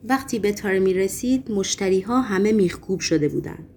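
A woman narrating an audiobook in a steady, measured voice of middle pitch. A faint hiss of noise sits under the reading. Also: vocal fry. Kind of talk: scripted narration.

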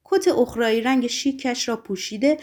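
A woman's voice: a little high, darkish tone, natural voice. Woman doing a mocking, whining male con man. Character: sly showy male con man orator.

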